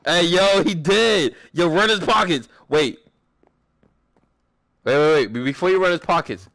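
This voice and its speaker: A young man streaming a game with friends, chatting casually, swearing a lot and breaking into excited shouts. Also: fairly high pitch, unhurried, no room sound. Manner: excitable, profane, bursts into shouts. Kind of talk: casual gaming commentary.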